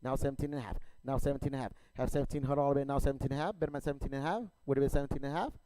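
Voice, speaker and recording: A man working as an auctioneer, calling bids in a rapid, repetitive chant of numbers and stock phrases. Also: mid-range voice, fairly even intonation, mellow, smooth, no echo.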